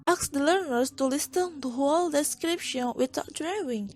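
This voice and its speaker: A young woman with an Indonesian accent, slowly and carefully reading a student class presentation, restarting words now and then. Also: high-pitched, slight background noise. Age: young adult.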